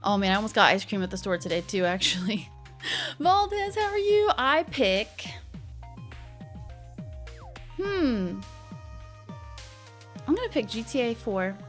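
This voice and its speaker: A woman's voice: fairly high pitch, very animated, moderate pace, long pauses, fairly bright tone. A woman hosting a casual livestream, greeting viewers with playful, bubbly gamer-girl chattiness. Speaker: live streamer host. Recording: music behind the voice. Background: background music.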